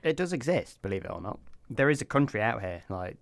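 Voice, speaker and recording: A man's voice: mid-range voice, very animated, a little fast, vocal fry, no echo. A man co-hosting a podcast in casual chat, teasing his co-host with dry humour and frequent laughs.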